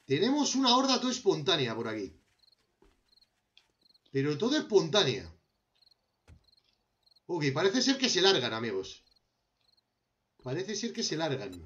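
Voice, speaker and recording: A man's voice: a little high, wildly swooping pitch, measured pace, pauses often, fairly bright tone, muffled recording. A young man with a Spanish accent, casually commenting on a survival game as he crafts, talking to himself and to his viewers. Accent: Spain. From Spain. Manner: talks to himself while crafting, addressing viewers as friends. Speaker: gameplay commentator.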